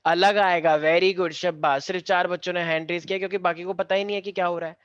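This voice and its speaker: A man's voice: high voice, steady tone, fast, a bit bright, clear, resonant tone, dry recording. A man teaching physics to a class, teasing and speaking straight to the students, with English phrases mixed into his lecture. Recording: dull lo-fi classroom recording.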